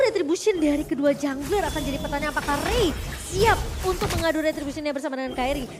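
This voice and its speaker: A woman with an Indonesian accent giving analysis as a caster in live video game commentary. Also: high-pitched. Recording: music playing behind the voice.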